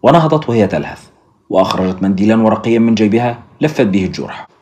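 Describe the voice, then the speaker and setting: A man reads a story aloud as a narrator, speaking straight to his listeners. His voice is low and he reads briskly. The delivery is scripted audiobook narration. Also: expressive, a little mellow.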